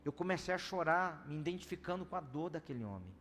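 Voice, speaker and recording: A man preaching a sermon as pastor, telling a story in an animated way that swings between loud and hushed. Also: on the high side, fast talker, a little hiss or hum. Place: church service hall. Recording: reverberant church hall with soft music.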